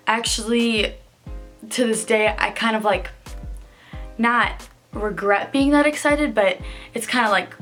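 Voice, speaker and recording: Chatty woman telling a storytime vlog. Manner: chatty, filler-heavy telling with many "like"s; excitable, jumps high when quoting voices. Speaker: vlogger.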